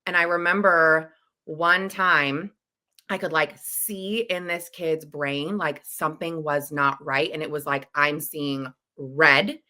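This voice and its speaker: A woman educator co-hosting a podcast, telling a story in a lively, casual way and acting out her own past thoughts. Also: low voice, a little slow.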